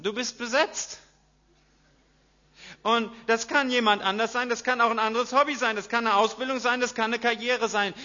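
A man preaching a lively sermon, acting out voices and swinging from hushed to loud. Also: sits high. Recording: dull lo-fi sound.

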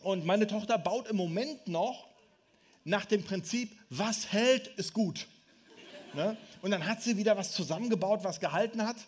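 A man in his thirties preaching a lively, humorous sermon, telling family stories and speaking directly to the congregation. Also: sits high, normal speed, husky. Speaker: pastor.

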